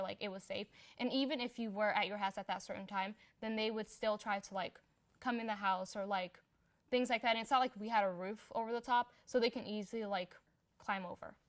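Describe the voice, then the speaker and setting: A young woman from Somalia in a casual personal interview, talking in a chatty, unpolished way with lots of filler words. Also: medium pitch. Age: young adult. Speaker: interviewee in a community profile.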